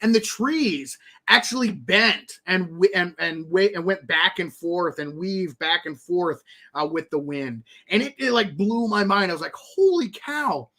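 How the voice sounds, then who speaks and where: A man hosting a live stream, reading game patch notes and rambling through them with lots of fillers, restarts and excited asides. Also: high-pitched, unhurried. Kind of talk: casual commentary.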